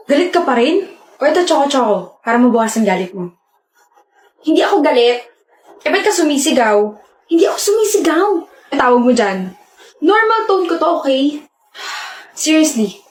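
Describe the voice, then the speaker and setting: A young woman acting out comedy skits in a playful, animated way. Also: a little high. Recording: echoey room.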